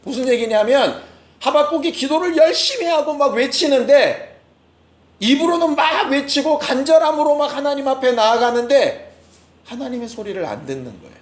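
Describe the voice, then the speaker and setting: A man preaches with fervor in a notably high voice, throwing out loud rhetorical questions and then dropping to quiet asides. His sermon rings through a roomy, echoing church sanctuary. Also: expressive, normal speed. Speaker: pastor. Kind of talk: Friday prayer meeting sermon.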